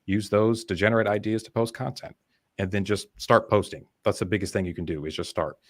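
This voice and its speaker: A man's voice: on the low side, steady tone, a little fast, no echo. A young man as a podcast guest, telling candid, self-deprecating stories in a casual interview. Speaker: podcast guest, business founder.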